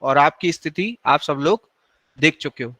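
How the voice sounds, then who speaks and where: A man's voice: fairly high pitch, expressive, normal speed, pushed and bright, no room sound, rough recording. A male university lecturer in a classroom, scolding and lecturing his students in a mix of Hindi and English.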